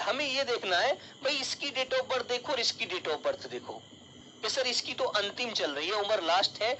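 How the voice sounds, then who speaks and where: Man, teacher, online exam-prep lesson, affectionate, animated pitch. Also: highs cut off, slight background noise. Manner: calls students child and dear, explains with everyday examples.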